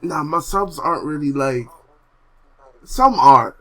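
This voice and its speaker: A young man with a slightly high voice, co-hosting a casual podcast. He talks laid-back and hesitant, padding his points with fillers. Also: lively intonation, slow pace, sharp tone. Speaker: podcast co-host.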